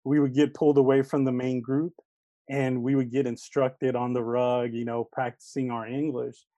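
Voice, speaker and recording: A Texas man in his thirties who grew up speaking Spanish answers interview questions about being an elementary school teacher, earnest and reflective and full of "uh"s and "you know"s. His medium-pitched voice is flat and dark in tone, moving at a moderate pace in a dry recording.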